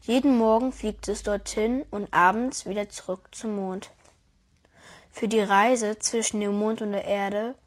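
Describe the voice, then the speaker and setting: A woman telling a children's bedtime-style story in a calm, even manner. Her voice sits in a middle pitch and keeps a steady storyteller's pace. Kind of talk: reading a children's story aloud.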